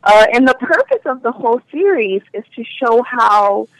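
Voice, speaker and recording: A woman's voice: on the high side, big pitch swings, normal speed, no room sound, poor audio. A woman from Liberia, a producer being interviewed on the radio, talking in an upbeat and enthusiastic way. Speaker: web series producer, guest.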